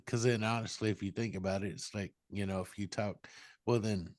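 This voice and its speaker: A man co-hosting a podcast in casual chat, talking haltingly with many restarts. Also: fairly low pitch, steady tone, no echo, clean studio sound. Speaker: podcast co-host.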